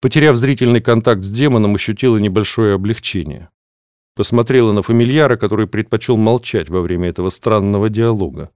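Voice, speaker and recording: Man, audiobook narration, low voice, dry close sound, measured. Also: darkish tone, clear, resonant tone, no room sound.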